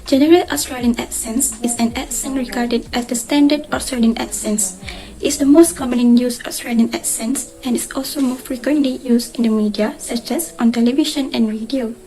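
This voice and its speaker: Woman reading a lecture script, mellow. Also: high-pitched, normal speed, rough recording. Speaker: student presenter. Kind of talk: read-aloud class presentation.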